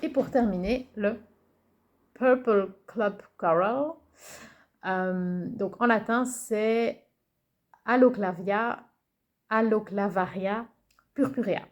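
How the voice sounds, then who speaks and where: Woman host of a casual show-and-tell video: amused, musing aloud, halting over names, mid pitch. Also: muffled recording. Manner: hesitant, many fillers, muses aloud over names; reads English card titles slowly and carefully. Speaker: YouTuber presenting a card game.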